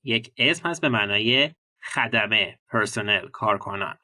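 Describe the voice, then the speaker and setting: Male English teacher, bright clear voice, careful slow reading, dry close recording. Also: fairly low pitch, no echo. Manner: reads English slowly and clearly, explains in Persian. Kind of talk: bilingual vocabulary lesson.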